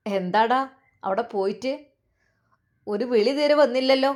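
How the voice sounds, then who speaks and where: A woman plays a sharp-tongued mother with a Malappuram accent, her voice pushed high and loud as she snaps back curt, dismissive retorts. She scolds her son with cold impatience in this spoken story. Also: measured pace, close to an everyday voice. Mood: scolding. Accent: Malappuram Malayalam.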